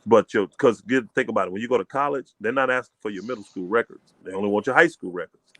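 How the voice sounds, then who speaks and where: A middle-aged man with a lowish voice, talking in an emphatic, preacherly way. He keeps checking "you know what I mean" as he explains. The sound is dry and close, with no room around it. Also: fast talker, bright, forceful tone, no echo. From Fort Wayne, Indiana, US. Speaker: community elder, homeschool leader. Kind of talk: casual call-in chat.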